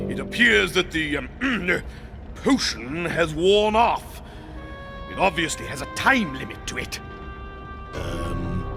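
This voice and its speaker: Gravelly, swooping cartoon crocodile king villain, King K. Rool. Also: fairly high pitch, heavily acted. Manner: pompous, melodramatic, bellowing then silky. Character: pompous, scheming, hot-tempered crocodile king villain. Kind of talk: theatrical cartoon villain acting. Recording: cartoon soundtrack with loud music.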